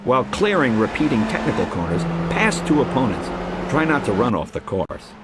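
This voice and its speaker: This tutorial narration for a racing video game comes from a man with a medium-pitched voice that swings widely in pitch and moves fairly quickly. He reads from a script in an explanatory way. Loud race car engines and general car noise fill the background the whole time.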